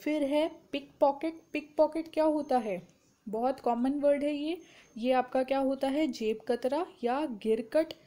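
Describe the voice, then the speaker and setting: High, mellow-voiced woman teaching vocabulary. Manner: asks and answers her own questions, slows to spell out terms. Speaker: exam prep teacher. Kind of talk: online vocabulary lesson.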